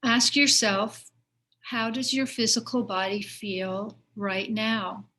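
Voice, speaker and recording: Her voice medium in pitch and steady in tone, a woman teaches a guided meditation. She speaks gently, never rushing, and leaves pauses between phrases.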